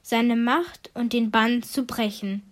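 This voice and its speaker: Three hopeful fox siblings talking as one in a storybook, as a woman reads them. They sound earnest and pleading, voices a touch high and bright with hope. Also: steady tone, takes it slowly.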